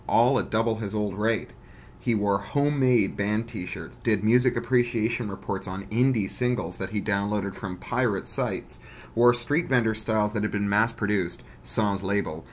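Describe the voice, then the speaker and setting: A man reads an audiobook story aloud in a measured, wry way. His voice sits on the low side for a man. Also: slight background noise. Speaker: narrator. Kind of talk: audiobook narration.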